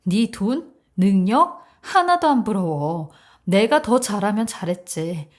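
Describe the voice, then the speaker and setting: In a dramatized story, a woman voices a young bride who is sharp, confrontational, and scornful, outraged as she protects her mother. She speaks slowly at a medium pitch with lively intonation.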